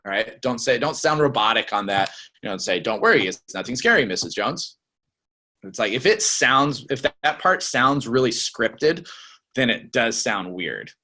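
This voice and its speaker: A young man runs a sales training session in a relaxed, conversational way. He keeps slipping into sample phone lines, dropping his voice low and then spiking it up to make his point, and he often checks in with the room with a quick "right?". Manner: lively, demonstrates phone lines by acting them out.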